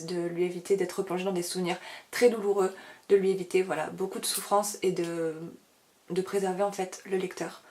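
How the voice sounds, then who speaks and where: Young woman, French accent, vlogger, earnest, hesitant, self-correcting, mid pitch. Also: darkish tone. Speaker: author and video blogger. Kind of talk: casual explanatory talk to camera.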